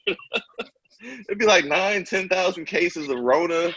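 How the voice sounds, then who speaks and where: A man's voice: high voice, measured pace, fairly bright tone, muffled recording. A man from Kansas hosting a casual video-call interview, laid-back and slangy with lots of fillers. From Kansas, American Midwest. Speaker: host.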